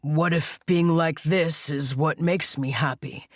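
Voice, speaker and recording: A woman voicing a troubled, volatile young man in an audiobook, speaking slowly through clenched tension. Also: on the high side, fairly even intonation, dry recording, clean studio sound. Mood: bitter. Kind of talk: audiobook character reading.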